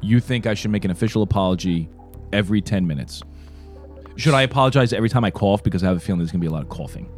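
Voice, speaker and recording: Nasal from a cold, this podcast co-host and player launches into an animated, profanity-heavy rant during casual banter. He talks at a racing pace in a lowish voice, with faint music in the background.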